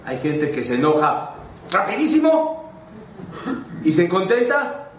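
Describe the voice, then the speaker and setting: A man's voice: high voice, takes it slowly, a little hiss or hum. A man giving a rabbi's sermon. He tells stories and asks his listeners questions. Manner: animated, storytelling, asks the audience questions. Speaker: rabbi teaching a class. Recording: echoey room, mic at a distance.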